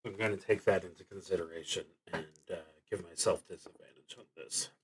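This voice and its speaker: Speaking in a low register with fairly even intonation, this man thinks aloud during a solo roleplaying stream. He reads prompts deliberately and haltingly, often trailing off into a mutter, over a faint hiss or hum.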